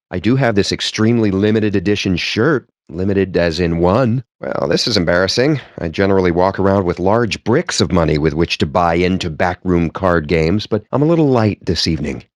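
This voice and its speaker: A low-voiced man, recorded cleanly in a studio with no echo, plays a wry, pompous, foul-mouthed gamer geek in video game dialogue. His delivery is sardonic, wordy and theatrical.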